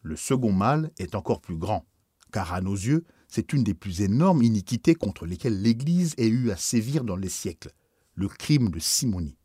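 Husky calm man reading aloud. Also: fairly low pitch, dry recording, studio quality. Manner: calm, measured, earnest. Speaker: audiobook narrator. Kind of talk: first-person storybook narration.

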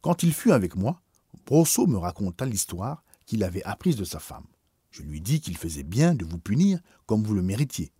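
Male narrator, low husky voice, animated pitch, dry close sound. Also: moderate pace, no echo. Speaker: audiobook reader. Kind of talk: scripted narration of a memoir.

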